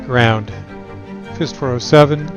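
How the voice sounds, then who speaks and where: A man's voice: mid-range voice, takes it slowly, over music. A man playing a flight simulator pilot, making clipped, formulaic radio calls through a cockpit headset mic. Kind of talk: radio calls to air traffic control.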